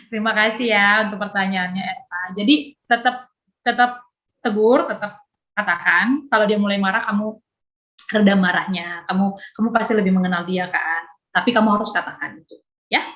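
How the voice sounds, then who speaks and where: A woman, teaching a youth Bible lesson over a video call. She chats lively, laughs often and acts out dialogue. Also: mid-range voice, normal speed, muffled recording.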